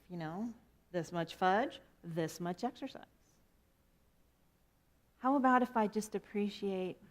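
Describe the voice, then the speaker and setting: A middle-aged woman minister giving a sermon in a conversational, playful way, with self-deprecating asides. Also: medium pitch.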